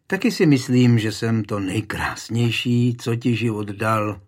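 A man with a husky voice reading the lines of a spirited queen who teases and coaxes her husband. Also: medium pitch, very animated, heavily acted. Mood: playful. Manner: playful, coaxing. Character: spirited queen, teasing and stubborn.

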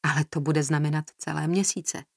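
A tired, level-headed man who speaks slowly and skeptically, as a female narrator reads him. Low-set and dry. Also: fairly even intonation, gravelly, no echo. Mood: weary. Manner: slow, weary, skeptical. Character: weary, level-headed man keeping the peace.

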